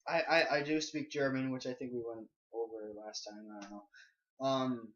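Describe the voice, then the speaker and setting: A man's voice: mid-range voice, steady tone, moderate pace, fairly bright tone, muffled recording. A man co-hosting a casual podcast, telling a story hesitantly with many ums and restarts. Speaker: podcast co-host.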